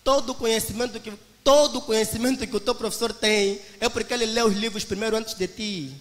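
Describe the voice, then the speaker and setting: Speaking to a church congregation as his brothers, a young man in his twenties with an Angolan Portuguese accent offers a motivational testimony in a preacher's emphatic style. His high, slightly bright voice runs a little fast with fairly even intonation, followed by a long reverb tail.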